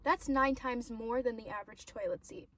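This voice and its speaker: Higher-voiced young woman reading news. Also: normal speed, fairly bright tone. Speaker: student news reporter. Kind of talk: scripted news narration.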